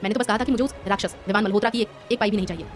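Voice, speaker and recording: A woman voicing a sharp-tongued young woman who gives curt orders in a storybook reading. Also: medium pitch, fairly even intonation, rapid-fire, lightly acted. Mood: cold. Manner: curt, commanding.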